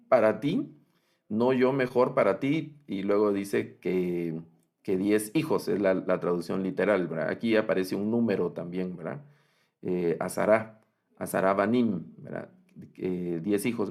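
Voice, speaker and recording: A man's voice: on the low side, creaky, darkish tone. A man teaching a Biblical Hebrew class, explaining patiently and often checking with "¿verdad?". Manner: explanatory, repeats points, frequent "¿verdad?" checks; reads out Hebrew phrases slowly and with emphasis. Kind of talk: online lecture with screen sharing.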